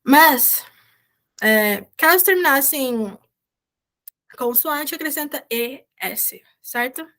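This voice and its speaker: High-voiced woman teaching Spanish. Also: expressive, takes it slowly, long pauses, bright, forceful tone. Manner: explains patiently, checks in with "certo?". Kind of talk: online class lecture. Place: recorded online class.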